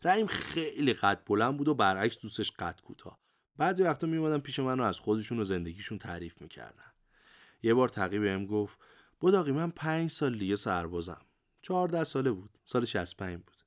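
An older man tells his war memories in a relaxed, colloquial way, sprinkling in everyday idioms. His voice sits low and he speaks as if to friends across a table. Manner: conversational, lively retelling with idioms. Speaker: war veteran narrator. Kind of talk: colloquial memoir storytelling.

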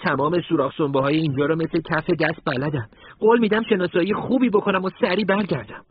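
A man's voice: fairly high pitch, dull audio, slight background noise, pitched above the performer's own voice, lightly acted. A man voicing a bold, insistent teenage boy who volunteers as a scout. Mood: cocky. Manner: confident, insistent.

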